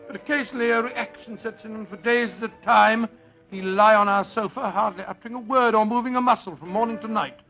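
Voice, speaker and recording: An actor playing Doctor Watson as a genial older English gentleman, courteous and avuncular, in 1940s radio drama storytelling style. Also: high voice, fairly even intonation, fairly quick, faint music behind. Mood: earnest, fond. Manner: avuncular, courteous, old-fashioned phrasing. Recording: muffled vintage radio recording.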